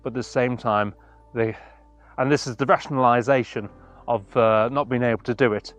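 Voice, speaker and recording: A man vlogging outdoors on a mountainside into a camera on a monopod, talking in an earnest, halting, self-deprecating way. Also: mid-range voice, steady tone, muffled recording, soft background music. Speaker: hiking vlogger. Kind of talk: casual walking vlog chat.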